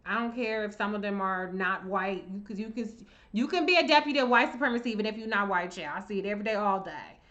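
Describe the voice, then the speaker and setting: Woman host of a live Q&A stream, blunt and salty, sharp bright tone, dull lo-fi stream audio. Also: mid-range voice, expressive, quick pace, hardly any pauses. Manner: blunt, profane, chatty. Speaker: livestream host. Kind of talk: live Q&A reading viewer comments.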